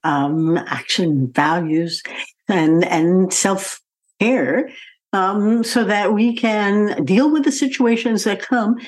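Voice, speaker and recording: A woman's voice: medium pitch, takes it slowly. A middle-aged woman hosting an interview, speaking in a hesitant, reflective way. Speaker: podcast host. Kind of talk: interview conversation.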